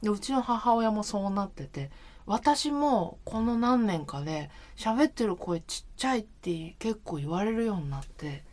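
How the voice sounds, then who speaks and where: A woman in relaxed conversation, chatty and agreeable. Her mid-pitched voice rises and falls lively as she talks. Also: normal speed. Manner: chatty, agreeable, lots of backchannel nods. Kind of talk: casual chat.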